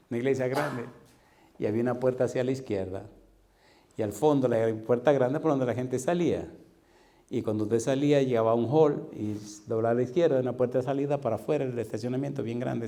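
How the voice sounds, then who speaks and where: A middle-aged male pastor preaching a sermon, telling a story with lively acted-out dialogue and sound effects. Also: medium pitch, vocal fry. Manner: animated, acts out dialogue and makes sound effects.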